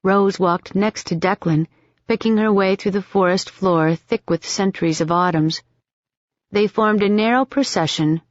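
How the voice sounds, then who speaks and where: A woman's voice: lowish voice, no echo. Woman narrating a romance audiobook, dry sound. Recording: dull, dry audiobook recording.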